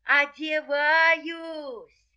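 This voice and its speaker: A woman doing a slow, menacing fox. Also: high-pitched, fairly even intonation, pushed and bright, highs cut off, voice pushed up, heavily acted. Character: boastful, threatening vixen squatter.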